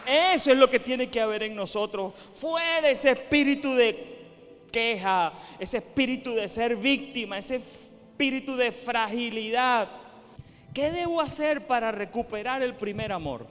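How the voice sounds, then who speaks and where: A man pastor preaching a sermon with passion, repeating phrases for emphasis and rising to shouts. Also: very high-pitched, animated, a little slow, long reverb tail. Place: church sanctuary.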